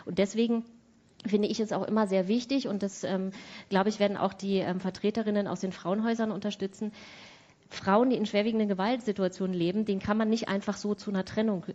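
Woman expert on a panel; mellow, measured and earnest, dull lo-fi sound. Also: medium pitch, steady tone. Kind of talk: panel discussion. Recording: dull lo-fi conference audio.

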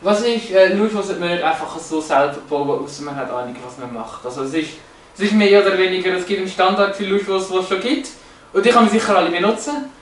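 High-voiced man, echoey lecture room. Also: quick pace, few pauses. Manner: hesitant, many fillers and restarts. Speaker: presenter. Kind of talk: explanatory slide talk. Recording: roomy, echoey, from a distance.

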